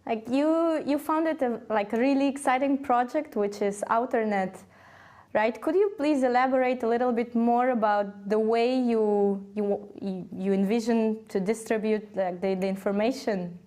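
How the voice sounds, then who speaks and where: A woman's voice: a little high, unhurried, mellow. A woman working as an interviewer, putting questions in a tentative, searching way.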